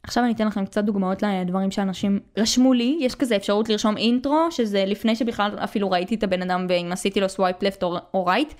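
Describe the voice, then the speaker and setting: A woman in her early twenties with an Israeli accent and a mid-pitched voice. She talks in a casual, slangy monologue, dropping in English words as a podcast host would. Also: fairly even intonation, hardly any pauses, a little mellow. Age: early 20s.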